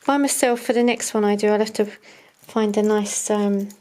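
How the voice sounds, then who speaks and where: A woman's voice: mid-range voice, fairly even intonation, normal speed, noisy background. A woman, chatting to herself while she crafts, often half-whispering and chuckling at herself. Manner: self-mocking, chuckling. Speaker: crafting vlogger. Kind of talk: casual talk while crafting.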